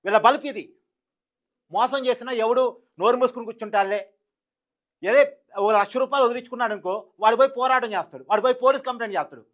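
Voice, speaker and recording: A man's voice: very high voice, fast, pauses often. A man delivering a fiery opinion monologue as a news commentator, hammering points with repeated phrases and rhetorical questions.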